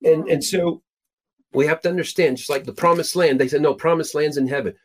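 A middle-aged man raised in Peru, hosting a show and teaching from the Bible in an emphatic way, stressing his high points. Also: fairly even intonation, brisk. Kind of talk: scripture teaching talk.

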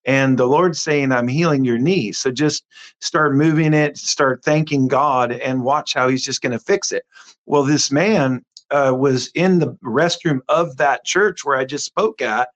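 A man who is a guest minister, telling stories in a lively conversational way, with many restarts and acted-out quotes. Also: medium pitch, unhurried. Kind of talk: conversational storytelling.

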